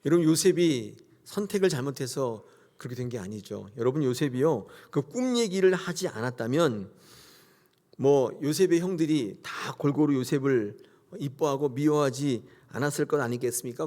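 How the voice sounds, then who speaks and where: A man's voice: medium pitch, animated, moderate pace, a little mellow. A man preaching a Sunday sermon as pastor, emphatic, leading the congregation to repeat after him and acting out quoted characters. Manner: acts out biblical characters in quoted voices.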